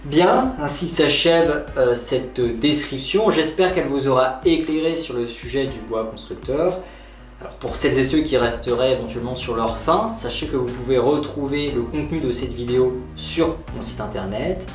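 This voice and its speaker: A man's voice: medium pitch, moderate pace. Echoey man narrating like a nature documentary. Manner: didactic, formal phrasing. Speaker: presenter of an animal care video. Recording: roomy echo, distant mic, background music. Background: music.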